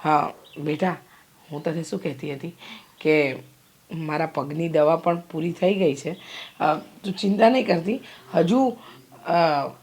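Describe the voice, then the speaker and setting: A woman's voice: deep voice, takes it slowly, pauses often, darkish tone, husky, exaggerated voice. A woman playing a fretful, nagging mother. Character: worried, scolding middle-aged mother. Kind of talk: Gujarati short film drama.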